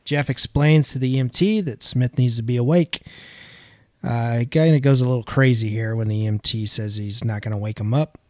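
A man's voice: medium pitch, brisk, a little mellow, no echo, studio quality. A man hosting a casual podcast, recapping a film scene by scene in plain narration.

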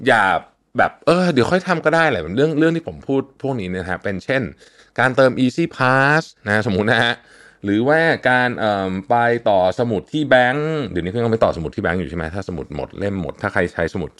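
A young man hosting a podcast, talking in a relaxed, chatty way with lots of fillers and polite particles. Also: sits low. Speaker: podcast host. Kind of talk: casual podcast talk.

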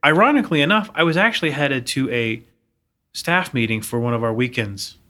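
A man's voice: mid-range voice, lively intonation, fairly quick, bright, forceful tone. A man in his thirties co-hosting a podcast, telling a personal story earnestly in casual conversation. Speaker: podcast co-host. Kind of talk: casual chat.

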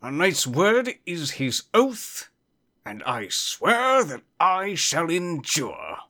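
A man's voice: a little high, huge pitch swings, slow pace, pushed and bright, full character voice. A man playing a pompous armored knight. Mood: haughty. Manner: archaic, pompous, solemn speech. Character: stubborn, formal male knight in full armor. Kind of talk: tabletop roleplay in character.

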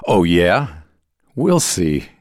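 A man's voice: deep voice, very animated, drawn-out words, dry recording, studio quality. An older American man telling his life story as a memoir, wry and conversational, with playful asides.

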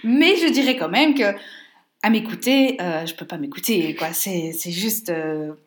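A woman's voice: mid-range voice, unhurried. A woman co-hosting a casual podcast chat, joking at her own expense and laughing often. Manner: self-mocking, laughs often. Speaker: podcast co-host.

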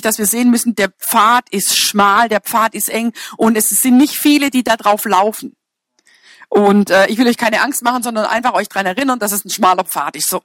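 A woman's voice: mid-range voice, a bit bright, no room sound, clean studio sound. A woman preaching a sermon in a chatty, humorous way, teasing her congregation and correcting herself with fillers as she goes.

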